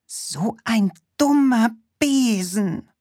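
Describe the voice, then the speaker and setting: A woman voicing a forgetful, flustered female witch in a storybook, chanting spells in a slow sing-song. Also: a little high, expressive, mellow, no echo, clean studio sound, pitched above the performer's own voice, heavily acted. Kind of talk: storybook reading.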